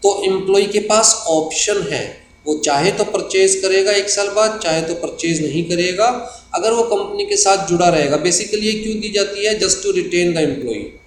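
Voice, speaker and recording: Male teacher, Indian English accent, patient explainer, slightly high pitch, echoey room with faint hiss. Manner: explains terms patiently, slows down when reading definitions. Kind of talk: recorded exam-prep lecture.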